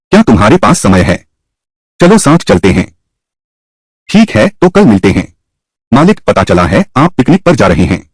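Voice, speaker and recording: A man voicing all the characters of a drama by himself, switching pitch between roles. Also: dry recording. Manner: voices every character himself with shifting pitch. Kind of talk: single-voice dub of a drama.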